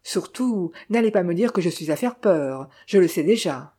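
A woman's voice: lowish voice, animated, normal speed, dark tone, husky. A woman reading as a teasing, cheerful young woman in an audiobook. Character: confident young woman aviator passenger, teasing.

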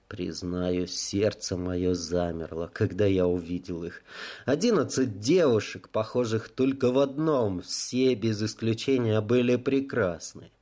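A man's voice: on the low side, unhurried, mellow. A man reading a first-person audiobook, with ironic asides to the listener. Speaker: audiobook narrator.

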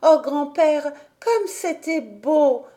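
Une femme jouant une petite fille curieuse et enjouée. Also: female voice, high voice, slow, dark tone, voice pushed up. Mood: eager, curious. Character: eager, curious little mountain girl.

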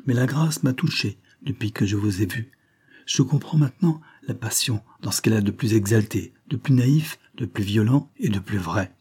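An ardent young man pours out a pleading declaration of love, as a male storyteller voices him. The voice sits low and a little husky, with a mellow, dark warmth. It suits a classic audiobook. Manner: impassioned, pleading.

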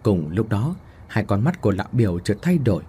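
A man narrating a horror story with expressive storytelling delivery. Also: fairly low pitch, a little fast, slight background noise.

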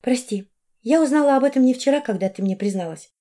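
A woman's voice: sits high, lively intonation, quick pace, mellow, voice pushed up. Woman voicing an astonished young half-mermaid. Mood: earnest.

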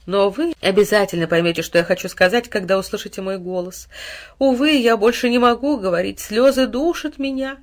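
A storyteller voicing Water, a motherly female spirit who speaks softly and pleads through tears. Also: medium pitch, fairly quick, lightly acted. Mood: weepy. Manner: soft, pleading, weepy.

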